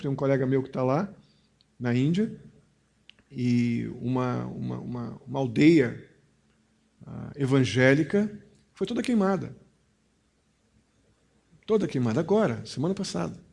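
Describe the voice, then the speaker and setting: A man with a Brazilian Portuguese accent, a pastor preaching a sermon, stressing key phrases and then dropping to a quiet, confiding tone. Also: mid-range voice, vocal fry, breathy edge.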